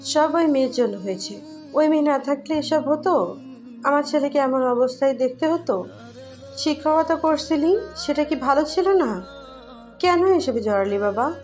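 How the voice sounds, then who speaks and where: A woman's voice: high-pitched, moderate pace, a little mellow, pitched above the performer's own voice, natural voice. A woman voicing a tearful, angry middle-aged mother who blames and scolds, in an audio story. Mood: scolding. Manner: scolding, accusing. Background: faint background music.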